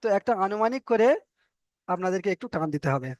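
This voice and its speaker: A man's voice: high-pitched, lively intonation, fast talker, a little mellow, dry recording, muffled recording. A man teaching Arabic letter reading in a patient, explanatory way, with a Bengali accent, repeating letter names and stretching sounds to demonstrate. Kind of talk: explanatory online lesson.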